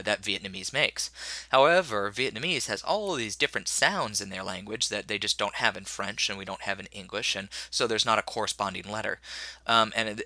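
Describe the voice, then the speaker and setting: A man gives a recorded lecture in a bright, sharply forward voice that sits a little low. He rambles, fills pauses with "uh" and "um" and corrects himself mid-sentence. The sound is close and dry. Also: no room sound. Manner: rambling with many fillers and self-corrections. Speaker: teacher.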